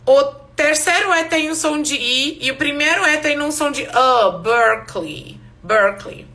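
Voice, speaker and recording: A woman teaching an English pronunciation class live online, explaining slowly and repeating each word for her students. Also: high voice, pushed and bright.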